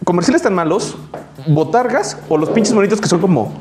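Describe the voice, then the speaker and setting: Fast, excitable, high-voiced Mexican man. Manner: fast, excitable, heavy slang. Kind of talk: casual chat.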